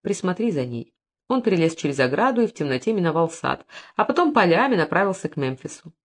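A woman's voice: fairly low pitch, quick pace. Woman narrating an audiobook. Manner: expressive reading.

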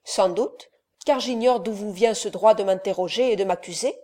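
A woman reading the part of a young son who answers politely and softly, taken by surprise. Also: mid-range voice, moderate pace, lightly acted. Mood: polite, surprised. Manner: polite and soft-spoken. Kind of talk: audiobook character reading.

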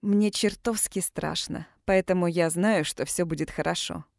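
A bold, teasing former army doctor in a storybook romance, read by a woman narrator. She is blunt and playful. The voice sits low and the recording is dry. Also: normal speed, gravelly, a little mellow, no room sound. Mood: warm.

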